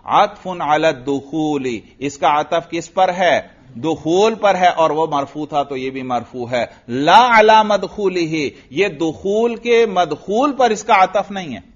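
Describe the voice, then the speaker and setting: A man's voice: on the high side, muffled recording. A man teaching a classical grammar lesson, asking his students questions and answering them himself, repeating each point. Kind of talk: Arabic grammar lesson in Urdu.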